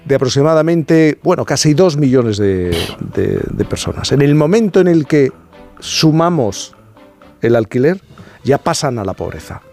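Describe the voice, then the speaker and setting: A man hosting a radio talk show, explaining statistics in a measured way. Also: medium pitch, very animated, a little mellow, soft background music. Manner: measured, explanatory, cites figures. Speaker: radio host.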